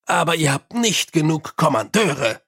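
A weary middle-aged police commander, read by a male narrator speaks bluntly and dryly. He grumbles about paperwork, and his voice stays fairly high and plain. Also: very animated, a little slow, gravelly, fairly bright tone, husky, full character voice. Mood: commanding.

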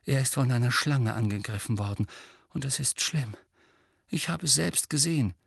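A man's voice: medium pitch, animated, normal speed, vocal fry, slightly rough, dry recording, studio quality. A man voicing a panicked teenage boy wizard in pain, gasping and agitated, in an audiobook reading. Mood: strained. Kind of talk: audiobook character voice.

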